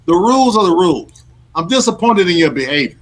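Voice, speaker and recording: A man's voice: sits high, big pitch swings, quick pace. A man co-hosting a casual sports podcast, arguing with mock sternness and lecturing his partner. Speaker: podcast co-host.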